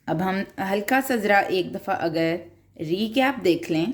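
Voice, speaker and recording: A woman's voice: medium pitch, animated. Woman teaching Quran reading patiently. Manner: patient, explains step by step, mixes in English words. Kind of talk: recorded tutorial lesson.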